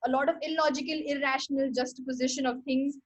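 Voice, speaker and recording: A woman's voice: high-pitched, fairly even intonation, quick pace, lo-fi sound. A young woman with an Indian English accent hosting a casual livestream, rambling, correcting herself and laughing often. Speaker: host. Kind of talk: casual livestream talk on art history.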